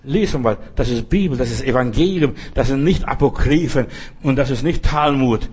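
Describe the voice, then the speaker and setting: A man's voice: mid-range voice, moderate pace, a little mellow, breathy edge. A man preaching a fervent sermon as a pastor, speaking straight to the listener.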